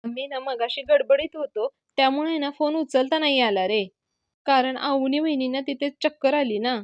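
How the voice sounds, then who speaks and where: A woman's voice: high voice, normal speed, no room sound, lo-fi sound, pitched above the performer's own voice, natural voice. Woman reading a teasing young man. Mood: reassuring. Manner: chatty, teasing.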